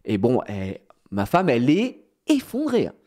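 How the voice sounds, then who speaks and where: A man telling a story casually to his viewers, in an animated, slangy way, often laughing at himself. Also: medium pitch, normal speed. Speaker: streamer.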